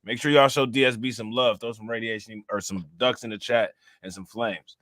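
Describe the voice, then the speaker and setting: A man's voice: medium pitch, steady tone, brisk, a bit bright, dry recording, studio quality. A man co-hosting a casual stream, explaining things in slangy storytelling and laughing often. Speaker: co-host of a reaction stream. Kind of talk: casual chat reacting to a clip.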